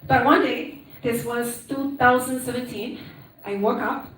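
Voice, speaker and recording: A woman's voice: fairly high pitch, steady tone, unhurried, fairly bright tone. A woman in her thirties from Peru, telling her personal story as a conference speaker in a chatty, upbeat way, often tagging on "right?". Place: conference hall. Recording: echoey hall, mic from a distance.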